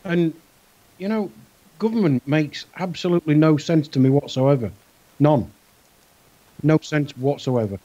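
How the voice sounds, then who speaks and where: Over a muffled, lo-fi internet call, a British man chats as a co-host. His voice sits somewhat high for a man, and his delivery is casual and conversational. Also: unhurried, long pauses, dark tone. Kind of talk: casual chat.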